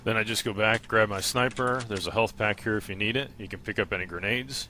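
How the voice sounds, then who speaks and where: A man narrates a video game walkthrough, giving matter-of-fact, explanatory commentary in a fairly low, fairly quick voice. Loud game audio, shooter sound effects and faint music sit behind him.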